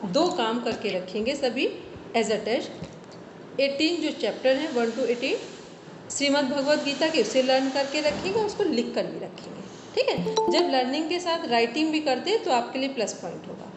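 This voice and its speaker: A woman's voice: sits high, lively intonation, normal speed, echoey room, long reverb tail, background noise. A woman teacher leading an online class, patiently correcting pronunciation and giving homework over a video call.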